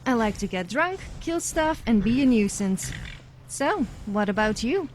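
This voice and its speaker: Woman playing Sophia, a cocky higher-voiced adventurer. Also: very animated, unhurried, a little mellow, slight background noise. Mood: bragging. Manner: cocky, sarcastic, teasing. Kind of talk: comedic voice acting for a video game follower.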